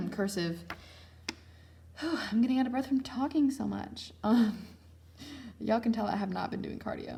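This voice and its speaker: A woman's voice: fairly low pitch, creaky, a little mellow, a little hiss or hum. A young woman casually narrating a sketchbook tour, chatty and self-mocking, with lots of slang. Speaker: vlogger.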